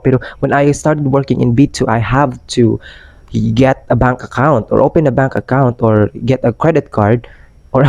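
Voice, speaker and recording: Sick with a cold, a young adult vlogger from the Philippines, also a part-time ESL tutor, chats loosely to viewers in a rough, hoarse, somewhat dark voice at a moderate male pitch. He switches back and forth between English and Tagalog, filling gaps with fillers, and the sound is dry and intimate with no echo.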